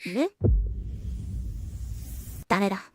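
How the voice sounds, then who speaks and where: This solo animation streamer speaks extremely slowly as she works along, making short, trailing, half-to-herself comments in a casual way. Her tone is darkish, and a little hiss or hum can be heard.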